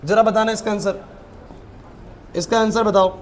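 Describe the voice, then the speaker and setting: A man's voice: high voice, fairly even intonation, moderate pace, slight background noise. A male teacher in a classroom, urging and scolding his students. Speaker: chemistry teacher.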